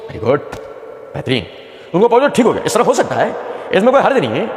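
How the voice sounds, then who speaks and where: A man's voice: sits high, big pitch swings. A man giving argumentative religious commentary, mocking and repeating phrases for emphasis. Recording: echoey room with long reverb.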